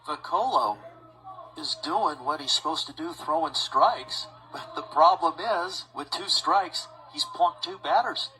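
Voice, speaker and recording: A man's voice: on the high side, a little slow, poor audio. A man giving conversational baseball color commentary, chuckling often as he analyzes the play. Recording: broadcast with steady background noise.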